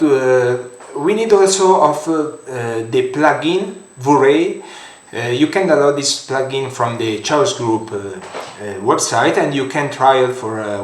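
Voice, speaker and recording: Italian-accented man, software tutorial narrator, unhurried halting delivery, roomy echo. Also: mid-range voice. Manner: halting non-native English with many fillers. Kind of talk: screen-recorded software tutorial. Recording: roomy echoey home room.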